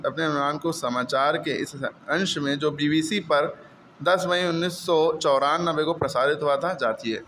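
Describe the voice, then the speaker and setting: A male teacher talks students through a textbook chapter with a bright, forceful voice that sits a little high for a man. He explains in Hindi with English words mixed in, repeats key terms, and checks in with the class often. Faint background noise sits under the recording. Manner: reads English passages slowly and deliberately.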